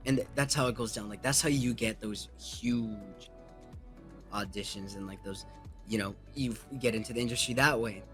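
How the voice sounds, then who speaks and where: A man's voice: on the low side, normal speed, a bit bright, faint music behind. Rambling young-sounding man guest. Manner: rambling, many fillers and restarts. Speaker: guest, aspiring voice actor. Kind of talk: casual interview chat.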